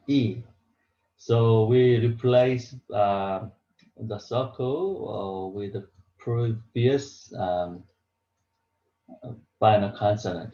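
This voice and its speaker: Male language teacher. Unhurried, mellow delivery, halting simple explanations, echoey muffled room sound. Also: fairly low pitch. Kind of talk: beginner pronunciation lesson. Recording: roomy echo, dull lo-fi sound.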